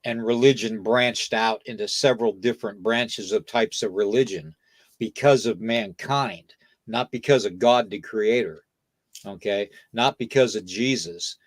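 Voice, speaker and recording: A man's voice: fairly low pitch, a little slow, no echo. A man hosting a podcast, talking casually in a lecturing way and checking in with "okay?" and "you know" between points. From United States. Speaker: podcast host.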